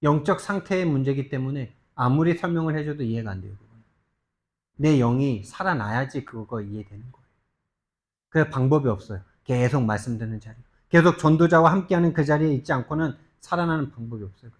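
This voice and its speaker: A male pastor preaching a sermon, emphatic and full of rhetorical questions, swinging between loud urgent stretches and soft low asides. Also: fairly quick. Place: church sanctuary.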